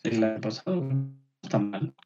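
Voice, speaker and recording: A man's voice: on the low side, lively intonation, normal speed, over music. A Mexican man co-hosting a podcast, chatting loosely with slang and casual swearing while his voice cuts out on an unstable online call. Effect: voice cutting out on an unstable online call. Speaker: podcast co-host. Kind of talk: casual chat about tech and movie news. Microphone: remote call from home. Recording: dull lo-fi call audio dropping out.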